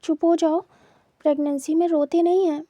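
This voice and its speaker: Woman reading a fussing mom, reproachful, dark high voice, dry sound. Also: flat delivery, moderate pace, no room sound. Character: caring middle-aged mother, scolding gently. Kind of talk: dramatized story reading.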